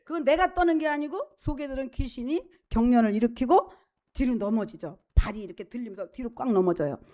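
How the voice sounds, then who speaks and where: Middle-aged female pastor, high voice, emphatic preaching, quizzes the pews. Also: a little fast, mellow. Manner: emphatic and conversational, asks the congregation questions. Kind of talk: sermon.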